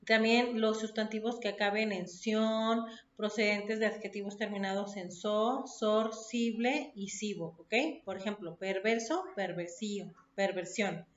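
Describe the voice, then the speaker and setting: A woman's voice: mid-range voice, fairly even intonation, a little slow. A woman teacher giving a recorded lesson, listing words one by one and checking in with her listeners after each point. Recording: dull echoey room recording.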